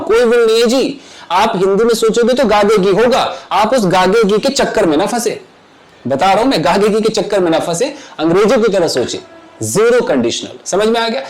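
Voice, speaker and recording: A man's voice: high voice, rough recording. A man teaching English grammar to viewers in a chatty way, often checking that they understand. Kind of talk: Hindi-English grammar lesson with live demonstrations. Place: home kitchen.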